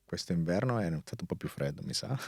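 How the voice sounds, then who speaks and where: Low-voiced Italian man with an Italian-American lilt. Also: animated, fast talker, no room sound, studio quality. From Varese, northern Italy. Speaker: interview guest, academic. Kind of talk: casual radio interview.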